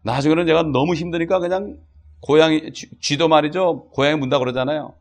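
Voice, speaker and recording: Middle-aged guy preaching fast, kinda higher voice, keeps tossing in little asides. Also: fairly even intonation. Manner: acts out quoted voices and prayers. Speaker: pastor. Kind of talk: sermon.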